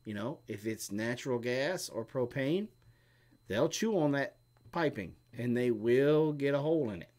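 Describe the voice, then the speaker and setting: This is a middle-aged homestead live stream co-host with a medium-pitched, animated voice, an unhurried pace and a darkish tone. He rambles as he chats and fields questions, explaining things with lots of fillers.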